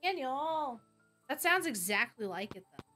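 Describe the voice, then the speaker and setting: A woman's voice: high voice, big pitch swings, measured pace, pushed and bright, faint music behind. A woman streaming a game live, chatting and reacting aloud as she plays and reads lines. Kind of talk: live gameplay commentary.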